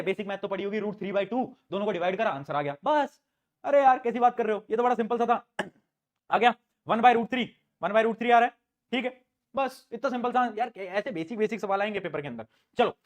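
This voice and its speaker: Male tutor, high-pitched, rapid and lively lecture delivery. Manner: quick, animated teaching with repeated questions to students. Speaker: teacher. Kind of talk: online class lecture.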